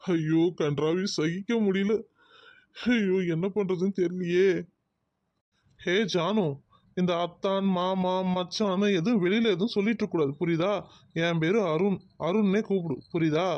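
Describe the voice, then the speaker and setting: A man's voice: high-pitched, fairly even intonation, normal speed, no echo, muffled recording, close to an everyday voice. A man voicing an exasperated young man in a cartoon who dodges talk of marriage. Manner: exasperated, groaning asides. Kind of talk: cartoon voice acting.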